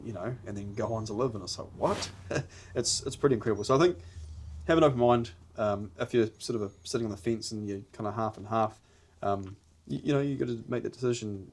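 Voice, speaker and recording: A man's voice: lowish voice, a little hiss or hum. A man with a broad New Zealand accent chatting casually and earnestly on a podcast, rambling a little and using plenty of slang. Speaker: podcast host.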